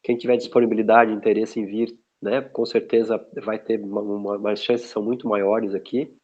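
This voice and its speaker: In a casual online interview, a male guest who works as a logistics specialist rambles and keeps starting over. He is from São Paulo, Brazil, and has a São Paulo Portuguese accent. His voice sits lowish, level and a little mellow at a moderate pace, captured on a muffled, lo-fi recording.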